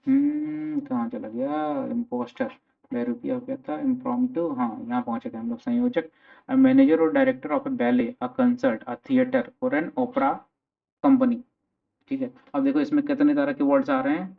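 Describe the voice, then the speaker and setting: A man's voice: medium pitch, very animated, unhurried, gravelly. A male teacher with an Indian English accent gives a vocabulary lecture in mixed Hindi and English, asking and answering his own questions. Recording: tinny phone-like sound.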